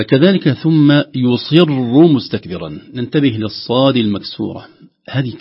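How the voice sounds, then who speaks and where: A man teaching Quran recitation rules on a call-in lesson, explaining patiently with drawn-out filler pauses and slowly voicing words aloud to show how they sound. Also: fairly low pitch, creaky, slightly rough. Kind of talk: tajweed lesson on a call-in broadcast. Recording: dull lo-fi broadcast audio.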